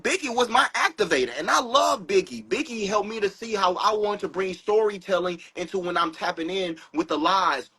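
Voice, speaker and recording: A man giving an animated, preachy spiritual talk, breaking into quotes and rap lines. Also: high voice, slightly rough, rough recording. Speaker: spiritual speaker. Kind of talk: casual live talk.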